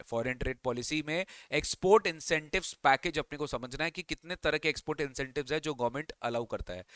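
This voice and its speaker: A man with an Indian English accent teaches an exam coaching class, quizzing his students again and again as he switches between reading English text and explaining in Hindi. His voice sits a little high and sounds crisp and smooth, recorded dry and close. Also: a bit bright, no echo. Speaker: tax lecturer.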